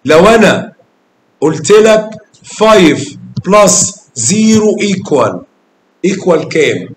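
Coaxing Egyptian math teacher, echoey classroom. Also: male voice, sits high, sing-song, extremely slow, a little hiss or hum. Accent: Egyptian Arabic. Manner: coaxing, questioning, calls pupils by name with endearments.

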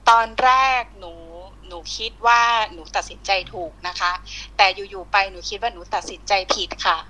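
A woman from northern Thailand with a Northern Thai accent, speaking as an insurance agent guest over a phone call, polite and quick to laugh. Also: medium pitch, bright, forceful tone. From Lampang, northern Thailand. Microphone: phone on an online call.

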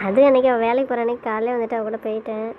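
A woman on a family phone call, chatting and answering back to her brother in a slightly high voice. The audio is a little dull, with faint background noise. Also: flat delivery, rapid-fire. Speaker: younger sister on a phone call. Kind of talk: casual family phone chat.

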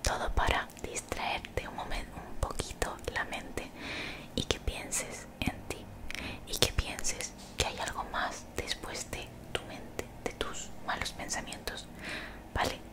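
A young woman gives soothing, motivational ASMR in a breathy whisper very close to the mic, gently repeating phrases. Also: takes it slowly, rough recording. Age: young adult. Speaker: ASMR creator. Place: small bedroom, indoors. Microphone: desktop condenser mic, very close.

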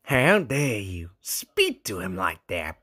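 A man voicing a feisty, protective, foul-mouthed demon in a sharp, raspy voice for an amateur comic dub. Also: lowish voice, wildly swooping pitch, slow pace, exaggerated voice. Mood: indignant.

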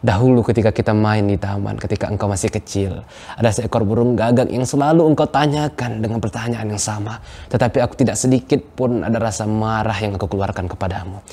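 Man voicing a patient father in his sixties, soft and quiet, gently reproachful. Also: lowish voice, fairly even intonation, fast, breathy edge. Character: gentle old father around sixty, patient.

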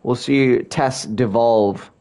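In a slow, mellow, mid-range voice, a young man rambles to his viewers during a casual gaming livestream, talking to chat and hiccuping and burping over and over.

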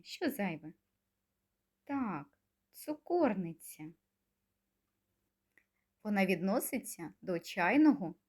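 Slow, singsong kindergarten teacher woman. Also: mid-range voice, husky. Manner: slow, gentle, coaxing questions with pauses. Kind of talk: speech lesson for young children.

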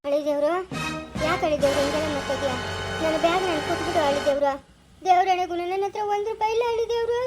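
A weeping, poor mother-in-law, acted by a woman, begging in a high, tearful voice with a Chikkaballapur Kannada accent. She pleads over and over, as in a homemade village family skit. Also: racing, loud music behind the voice. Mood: tearful pleading. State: crying.

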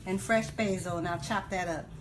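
A woman's voice: on the low side, fairly even intonation, moderate pace, over a noisy crowd. A woman in her fifties cooking in her home kitchen and explaining each step as she goes, recorded on a phone that moves around her. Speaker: guest cook. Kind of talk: cooking demonstration.

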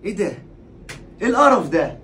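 A man's voice: sits high, very animated, a bit bright. A man playing a domineering young husband, speaking in an Egyptian accent and snapping out orders. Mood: angry, bossy. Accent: Egyptian Arabic. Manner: barking orders, rapid and curt. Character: harsh domineering young husband, later remorseful. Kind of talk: short web drama acting.

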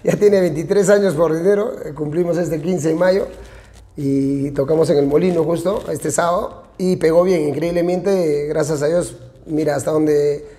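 A Peruvian band vocalist and songwriter in his forties speaks frankly and animatedly in a casual interview at a small brick-walled restaurant, often closing with tag questions. He has a Peruvian Spanish accent, and his slightly high voice is steady, dark in tone, and at normal speed.

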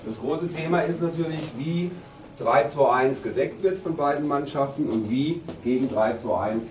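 A man in his fifties, a handball coach giving an emphatic, deliberate pre-game team talk with pauses for effect in a locker room. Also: fairly high pitch, darkish tone. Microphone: camera a few metres away. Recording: roomy, distant camera mic, background noise.

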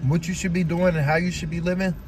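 A man, chatting casually and relaxed while chewing food. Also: high-pitched, quick pace, a little hiss or hum, poor audio. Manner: relaxed, conversational, repeats points for emphasis. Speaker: vlogger. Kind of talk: casual motivational talk while eating.

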